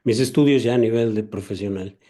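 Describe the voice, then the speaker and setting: Older male guest, warm mellow voice, methodical storyteller. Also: on the low side. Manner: measured, courteous, methodical. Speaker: guest, poultry veterinarian. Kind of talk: interview, recounting career.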